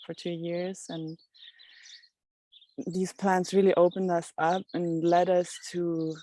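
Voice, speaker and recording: A woman from Switzerland, a podcast guest speaking outdoors in a reflective, halting way. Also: on the low side, flat delivery, slight background noise. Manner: soft, reflective, halting with restarts. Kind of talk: casual interview chat. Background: birdsong.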